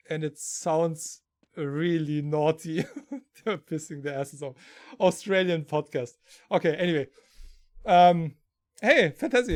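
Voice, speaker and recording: High-voiced German man chatting and laughing. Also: darkish tone. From South Germany. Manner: rambling anecdotes, laughs often. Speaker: stream host. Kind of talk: casual stream chat.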